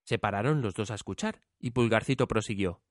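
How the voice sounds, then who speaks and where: A man narrating a fairy tale in an expressive storytelling manner. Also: lowish voice, fairly quick, no echo, studio quality.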